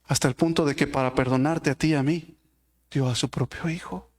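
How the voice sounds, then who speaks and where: High-voiced man preaching a sermon. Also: fairly even intonation, a little fast. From Mexico. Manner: preaching with rhetorical questions to the congregation.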